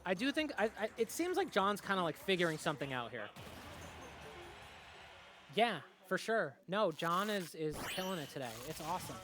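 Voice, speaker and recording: A young man doing live play-by-play commentary on a fighting game tournament, excitable, with lots of fillers and quick reactions. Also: high voice, slight background noise. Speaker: esports commentator. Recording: music playing behind.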